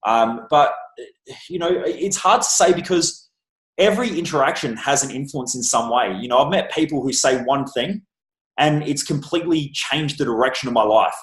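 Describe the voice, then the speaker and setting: A man's voice: mid-range voice, moderate pace, a bit bright. Blunt swearing man, echoey room. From Australia. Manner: blunt, emphatic, swears freely. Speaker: guest, success coach. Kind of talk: casual podcast interview. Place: room with a bookshelf.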